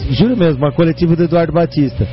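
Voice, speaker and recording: A man's voice: on the high side, rapid-fire. A man with a Brazilian Portuguese accent giving slangy, irreverent football banter as a radio commentator. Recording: muffled radio sound over music.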